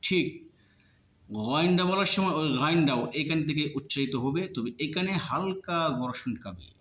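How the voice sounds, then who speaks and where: A man's voice: on the high side, lively intonation, normal speed, fairly bright tone, reverberant. A man teaching Arabic letter pronunciation step by step, patiently drilling each sound with many repetitions in a colloquial way. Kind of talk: slow step-by-step lesson.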